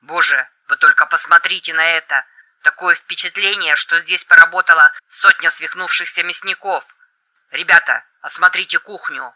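A man voicing a frightened man on an intercom who sounds feverishly excited. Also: fairly high pitch, normal speed, dry recording.

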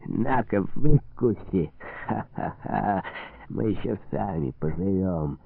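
A loud, drunken merchant host, boisterous and boastful, with a pitch that leaps about, as a man acts him out. He bellows his toasts and orders. The dry, tinny sound has no room in it. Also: expressive, slow pace, creaky, slightly rough, no room sound, heavily acted. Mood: rowdy. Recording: dry, narrow phone-like sound.

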